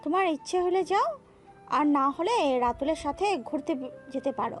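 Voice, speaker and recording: Woman playing a kindly mother in an audio drama, high and mild. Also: animated, normal speed, faint music behind. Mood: gentle. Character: gentle middle-aged mother.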